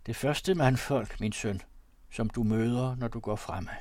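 A man reading an audiobook, voicing a sly old female fortune teller who speaks in slow, oracular pronouncements. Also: mid-range voice, darkish tone, no echo, lightly acted.

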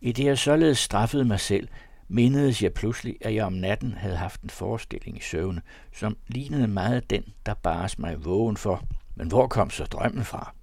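A man narrating a classic novella as an audiobook, with a measured, expressive reading on a close studio mic. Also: on the low side, dry recording. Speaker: audiobook reader.

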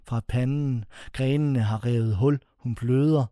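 A man narrating a scripted horror story in a suspenseful way, slowing down on the dramatic phrases. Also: medium pitch, mellow, no echo, studio quality.

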